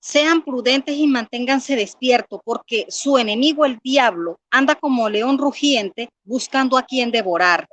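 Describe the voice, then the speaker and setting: A woman's voice: on the high side, measured pace, hardly any pauses, a bit bright. Earnest woman sharing a faith testimony. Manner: earnest, repeats words and restarts, pleading tone. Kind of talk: personal faith testimony with scripture reading.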